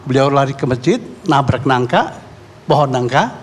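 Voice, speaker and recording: Halting middle-aged-sounding Indonesian man, eyewitness. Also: mid-range voice, expressive, big-room sound, slight background noise. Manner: halting, repeats and restarts words. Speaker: neighborhood head and eyewitness guest. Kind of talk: eyewitness account on a talk show.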